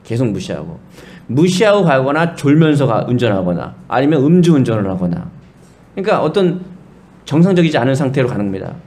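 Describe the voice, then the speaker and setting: A man's voice: mid-range voice, very animated, brisk, darkish tone. A middle-aged man preaching a sermon, telling a personal story and addressing the congregation directly. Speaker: pastor.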